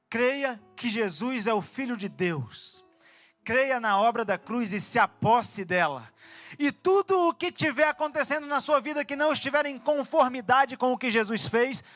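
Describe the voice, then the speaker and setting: A man preaching a fervent sermon in a church, swinging between calm teaching and loud, shouted exhortations, with quick asides to people in the room. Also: very high-pitched, soft background music. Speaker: pastor.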